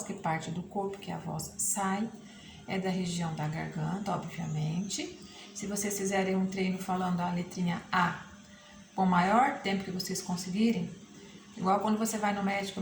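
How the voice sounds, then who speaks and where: A Brazilian woman teacher walks her students through a textbook in a remote lesson, pausing often to check they follow. Her voice sits at a middle pitch. She is recorded in a reverberant room with clear background noise. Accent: Brazilian Portuguese. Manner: patient, checks in with frequent "tá?".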